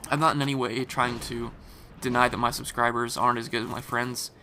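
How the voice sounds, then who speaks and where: A man gives casual, wandering voice-over for a game at medium pitch, in a level tone and at a fairly quick pace. His throat sounds scratchy and irritated, he leans on fillers and restarts, and loud game gunfire and explosions play behind him.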